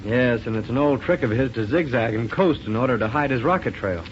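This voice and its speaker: A brisk, confident space pilot hero, as a man acts him out in an old radio serial. His voice is mid-pitched and steady. The recording sounds dull with a loud hiss. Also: natural voice. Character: bold young male space pilot hero. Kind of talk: 1930s radio drama acting.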